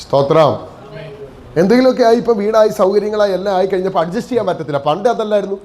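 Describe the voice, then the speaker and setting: A man's voice: sits high, very fast, a little mellow. A man from Kerala preaching a church sermon, throwing out questions and answering them himself, with bursts of praise. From Kerala, India. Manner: call-and-response questions answered himself, interjecting praise the Lord and hallelujah. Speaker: pastor.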